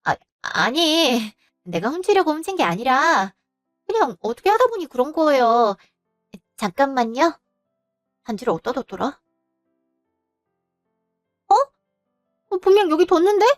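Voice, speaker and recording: A woman's voice: high voice, very animated, measured pace, long pauses, dry recording, clean studio sound, soft background music. Woman playing a whiny, spoiled sister-in-law. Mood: evasive. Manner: whiny, sulky and defensive. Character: spoiled young adult sister-in-law, whiny and defensive thief.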